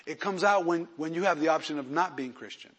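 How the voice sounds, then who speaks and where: Dramatic, fairly high-voiced male preacher. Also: a little fast. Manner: dramatic, swings from hushed storytelling to loud emphatic preaching; acts out quoted voices in his stories. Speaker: pastor. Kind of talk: sermon with personal storytelling.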